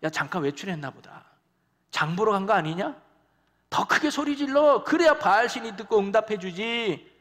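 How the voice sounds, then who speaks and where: A man's voice: a little high, moderate pace, fairly bright tone. A man voicing a bold male prophet who sarcastically taunts his rivals, heard in a reverberant church hall. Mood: mocking.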